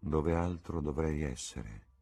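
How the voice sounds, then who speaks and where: Man reading a detached young addict: very deep, husky, audiobook reading. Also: normal speed, exaggerated voice. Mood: listless. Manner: absent, flat and detached. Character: weary young man, drug addict, listless.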